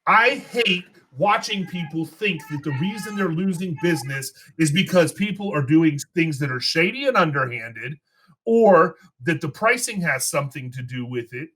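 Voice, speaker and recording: A man's voice: fairly high pitch, lively intonation, moderate pace, sharp tone, husky. A man hosting an insurance podcast, fired up and preaching in a casual chat. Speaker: podcast host.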